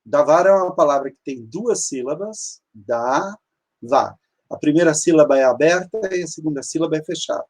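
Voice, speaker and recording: A man's voice: a little high, quick pace, few pauses, a little mellow. Patient male grammar teacher. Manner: patient, explanatory, repeats terms, walks through slides. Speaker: Hebrew teacher. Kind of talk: online grammar lesson.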